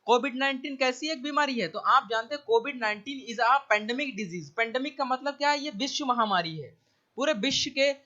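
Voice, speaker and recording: Bright-voiced Hindi-accented male teacher. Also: very high voice, muffled recording. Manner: explains each word slowly with repeated checks like "theek hai". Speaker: English teacher. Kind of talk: online exam-prep lecture.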